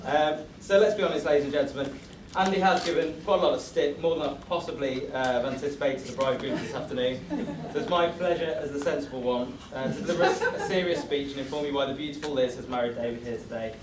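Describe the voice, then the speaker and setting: A man's voice: mid-range voice, fast, hardly any pauses. A man giving a scripted wedding toast as best man, joking in a self-deprecating way. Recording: echoey room, distant mic, noisy venue.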